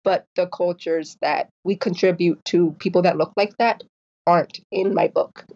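A woman's voice: lowish voice, steady tone, moderate pace, darkish tone. Woman who stutters, dull lo-fi audio. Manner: stutters, with repeated sounds and blocks; laughs often. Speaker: author guest. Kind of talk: casual interview talk.

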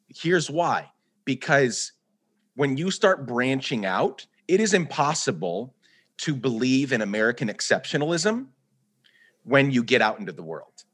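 A man's voice: mid-range voice, a bit bright. Guy hosting an interview chat, grew up in guatemala, earnest and rambly, mid voice. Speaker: host. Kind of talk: conversational interview.

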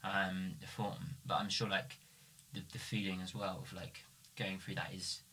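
This low-pitched podcast host keeps a moderate pace in a casual interview chat, putting relaxed, rambling questions to his guests that are full of fillers such as "like" and "sort of." Slight background noise can be heard.

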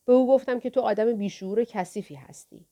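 Audiobook reader: woman, steady first-person narration. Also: fairly high pitch, lo-fi sound.

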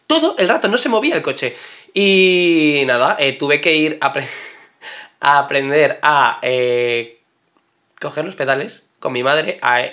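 A man's voice: on the high side, lively intonation, measured pace, pushed and bright. A man chatting casually and joking as a podcast co-host. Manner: joking, slangy. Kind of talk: casual chat.

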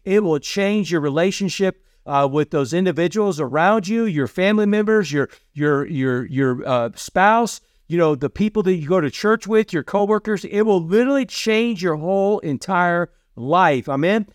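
A middle-aged man preaching a sermon in an earnest way, repeating his phrases and slowing down when he quotes scripture. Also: high-pitched, animated, smooth, no room sound, clean studio sound.

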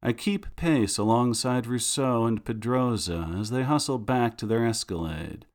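A man's voice: mid-range voice, unhurried. A man reading a first-person serial story aloud, with a dry, sardonic way of telling it. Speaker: narrator. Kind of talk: first-person audiobook narration of serial fiction.

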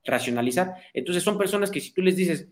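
A man's voice: high voice, lively intonation, brisk. Man explaining like a teacher. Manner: didactic, asks "¿sí?" for agreement, acts out quoted people. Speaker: guest psychologist and coach. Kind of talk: explanatory interview talk.

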